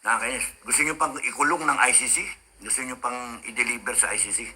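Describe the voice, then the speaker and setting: Guy going off on a rant, cursing, lots of uh fillers, bright sharp voice, sounds like a radio show. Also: medium pitch, steady tone, fast, breathy edge. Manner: heated, swearing, rambling with many fillers. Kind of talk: ranting monologue.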